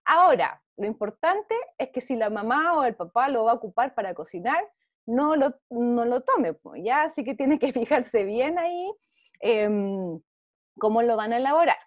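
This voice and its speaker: A woman teacher with a Chilean Spanish accent, leading young children through an online art class over a video call. Her voice sits high and swoops up and down as she encourages them, with a dry, close sound and no room echo. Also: lively intonation, normal speed. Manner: encouraging, checks in often with "¿ya?". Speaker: visual arts teacher.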